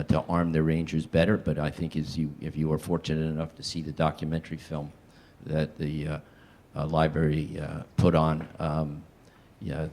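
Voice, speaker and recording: Really deep voiced guy talking on a panel, pretty flat, halting and hesitant. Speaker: panel speaker. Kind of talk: informal public panel talk.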